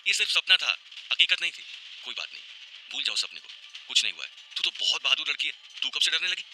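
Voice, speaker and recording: A man voicing a gentle middle-aged mother who lovingly coaxes her frightened daughter. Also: medium pitch, sing-song, fast, slight background noise, pitched above the performer's own voice, rough recording. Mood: comforting. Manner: loving, coaxing.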